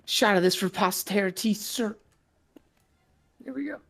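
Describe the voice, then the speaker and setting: A man hosting a casual gaming chat, excitable, with loud exclamations. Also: high-pitched, a little slow, vocal fry, a crowd in the background. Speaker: host.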